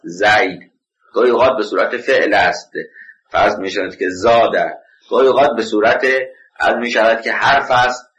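A man giving a scholarly lecture as a teacher, deliberate and leaning on set filler phrases, often stopping to check that the class follows. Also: lowish voice, a bit bright, dull audio.

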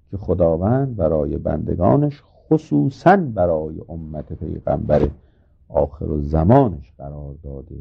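A man giving an informal religious talk, retelling a scripture story in a casual, halting way with many filler words. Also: low-pitched, gravelly, slightly rough. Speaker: religious speaker. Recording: tinny phone-like recording.

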